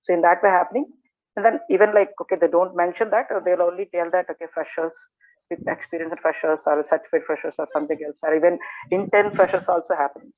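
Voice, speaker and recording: Over thin, phone-like call audio, a software trainer from Andhra Pradesh fields questions in a casual live Q&A. A native Telugu speaker with a Telugu Indian English accent, he speaks fast in a high, steady voice, habitually dropping in "okay" and "like."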